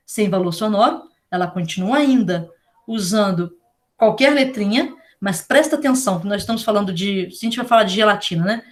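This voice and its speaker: Woman, Brazilian accent, teacher, casual lecture, slangy, spells letters slowly, mid pitch. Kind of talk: online lecture.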